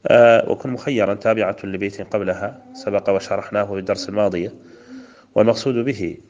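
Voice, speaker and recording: Low-voiced Mauritanian sheikh teaching grammar. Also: male voice, steady tone, a little mellow. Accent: Mauritanian Arabic. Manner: measured, recites verses slowly then explains with fillers. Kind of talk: classical grammar lesson explaining verses. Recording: dull lo-fi recording.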